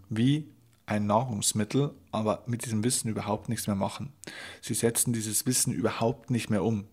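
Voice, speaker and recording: A man's voice: mid-range voice, a little mellow, husky. A man hosting a motivational podcast as a coach, speaking emphatically and repeating his key points.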